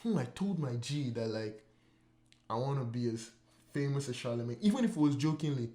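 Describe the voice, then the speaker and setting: A man's voice: medium pitch, animated, a little fast, mellow. A man hosting a casual podcast, mid-range voice, meandering and repeating himself as he works out his point. The recording has a noticeably roomy, echoing sound. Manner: rambling, full of "like" and repeated words. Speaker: podcast host. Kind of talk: casual chat. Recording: roomy echo.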